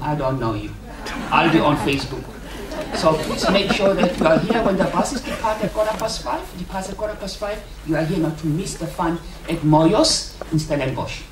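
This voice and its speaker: Her voice is low, and her accent is South African, with South Sotho as her mother tongue. Welcoming delegates at an indoor conference venue and covering housekeeping, this organiser jokes around and talks colloquially to her colleagues. The microphone is far away, so the audio sounds roomy and background noise is plainly heard.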